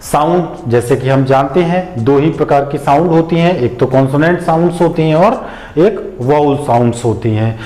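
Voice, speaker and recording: A man teaching English pronunciation, patiently explaining step by step and repeating example words slowly. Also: on the high side, warm tone. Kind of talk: explanatory lesson. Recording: echoey room.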